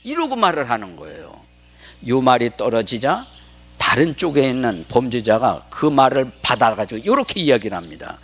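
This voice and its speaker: A male pastor preaching a sermon, asking the congregation questions and answering himself. He reads scripture in a raised, slowed voice and drops to a whisper for emphasis. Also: medium pitch, sing-song, fairly bright tone, husky.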